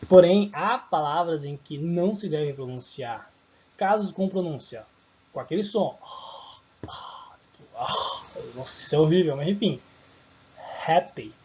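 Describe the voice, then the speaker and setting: Male teacher, mellow voice, relaxed self-correcting delivery, dull lo-fi recording. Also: fairly high pitch. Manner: informal, self-correcting, apologizes for slips. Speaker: English teacher. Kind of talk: recorded online lesson.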